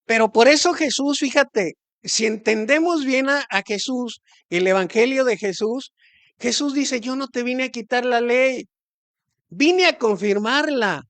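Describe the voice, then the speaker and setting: A man's voice: extremely high pitch, measured pace, fairly bright tone. A man preaching a sermon as pastor in a church hall, talking conversationally with rhetorical questions and hesitant restarts.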